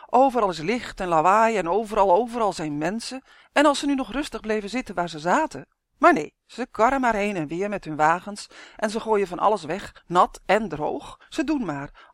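A woman voicing a female magical creature with a fiery temper, who lectures indignantly in a higher, louder voice. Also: no echo, clean studio sound, close to an everyday voice.

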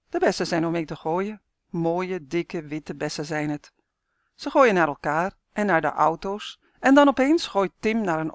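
A woman author reading her own children's story aloud in a clear, expressive storytelling manner. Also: fairly low pitch, dry recording, studio quality.

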